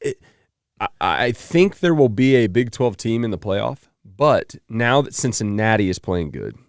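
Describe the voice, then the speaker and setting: A man's voice: mid-range voice, sing-song, a little slow, creaky, dry recording, clean studio sound. A man, co-hosting a casual sports talk show with joking banter. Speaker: podcast co-host.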